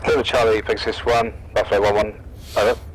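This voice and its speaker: Brief: male gamer, low-pitched, clipped radio-check replies through static-burst game radio, noisy. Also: flat delivery, fast. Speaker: helicopter crew player on radio. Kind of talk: radio procedure callouts in a military sim game.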